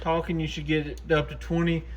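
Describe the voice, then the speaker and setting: A man speaks fairly quickly in a level tone, his voice a little high, while demonstrating repairs hands-on for his shop channel. The narration is informal and plain, and the recording is clearly noisy.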